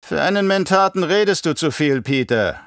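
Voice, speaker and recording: A man's voice: a little high, lively intonation, measured pace, a bit bright, smooth, no room sound, studio quality, pitched above the performer's own voice. A man reading an audiobook and voicing a scheming, menacing baron who growls commands in a cold voice. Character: scheming, menacing middle-aged male baron.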